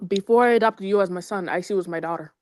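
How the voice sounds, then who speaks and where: A woman's voice: mid-range voice, quick pace, no room sound. A young woman chatting casually with friends, telling gossipy stories full of slang and asides. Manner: animated, gossipy storytelling with slang. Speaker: storyteller among friends. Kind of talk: casual chat.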